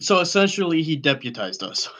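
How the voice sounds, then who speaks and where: A man bantering casually as a tabletop game player. His voice is bright and a little high, with very lively intonation and an excited, casual feel. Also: a little fast.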